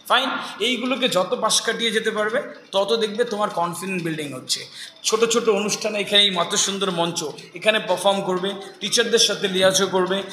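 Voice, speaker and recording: Male speaker on stage, bright tone, long hall reverb. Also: sits high, slight background noise. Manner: lively, mixes English phrases, rhetorical questions. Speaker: motivational speaker. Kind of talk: motivational speech to students. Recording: echoey hall with faint ambience.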